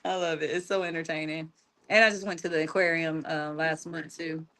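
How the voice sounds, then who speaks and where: A woman's voice: deep voice, little pitch movement, fairly quick, sharp tone. A woman chatting as a guest in a radio studio, laughing often and joking, speaking into a studio microphone. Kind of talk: casual chat. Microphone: studio microphone with headphones.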